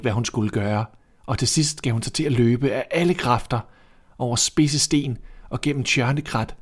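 A man narrating a classic fairy tale in a calm, steady reading voice. His pitch sits in the ordinary middle range for a man. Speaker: reader. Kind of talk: storybook narration.

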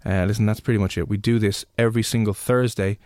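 A man's voice: fairly low pitch, steady tone, fast talker, a little mellow, no room sound. A man with an Irish accent hosting live radio in a casual, rambling way, often interrupting himself. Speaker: radio host. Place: radio studio.

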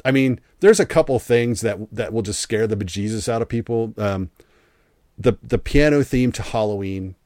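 A man's voice: lowish voice, normal speed, a little mellow, no room sound, studio quality. A man with an American accent hosting an interview, chatty and rambling with frequent restarts. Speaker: podcast host. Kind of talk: casual interview chat.

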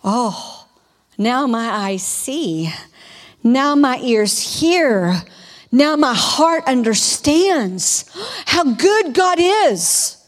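A woman preacher giving a sermon, reading scripture aloud and then exhorting her listeners in an animated way. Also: sits high, drawn-out words, long reverb tail.

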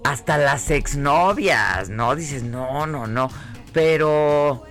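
Mexican male co-host, gravelly bright voice, expressive gossip chat, light music under. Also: a little high, extremely slow. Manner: animated, expressive, emphatic protests.

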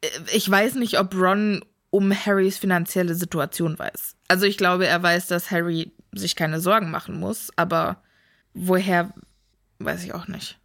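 A woman's voice: on the low side, steady tone, moderate pace, vocal fry, a bit bright. A woman co-hosting a casual chat, retelling a chapter and acting out lines. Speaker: podcast co-host.

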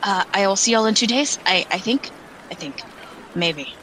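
A woman's voice: mid-range voice, animated, normal speed, fairly bright tone, slight background noise, close to an everyday voice, low-quality recording. A woman voicing a nervous, jittery man who stammers and hesitates. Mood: flustered.

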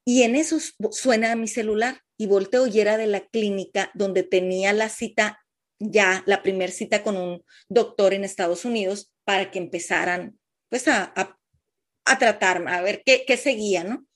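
A middle-aged woman with a Mexican Spanish accent telling the listeners her personal cancer story in a heartfelt, halting way. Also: medium pitch. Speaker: breast cancer patient sharing her story. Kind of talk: emotional personal testimony.

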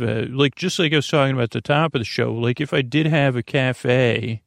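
This bedtime podcast features a man rambling on alone, his sentences wandering and trailing away as he stops and interrupts himself. He is the host, his voice gravelly and medium in pitch, and the recording is dry and cleanly studio-made.

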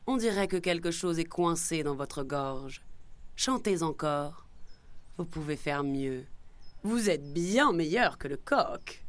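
Sly storybook fox played by a woman, honeyed and flattering, lower and softer, slow. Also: no room sound. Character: sly, smooth-talking male fox.

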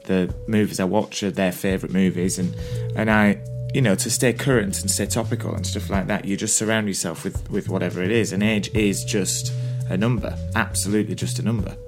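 A man's voice: low-pitched, steady tone, brisk, hardly any pauses, over music. A man, chatting casually as a podcast co-host and thinking aloud as he talks. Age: 20s. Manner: rambling, thinking aloud with restarts. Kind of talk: casual chat.

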